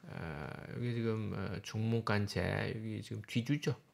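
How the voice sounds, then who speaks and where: A man's voice: lowish voice, a little slow, gravelly, slight background noise. A male university professor giving a classroom lecture, walking through slides and pointing things out with short explanatory remarks.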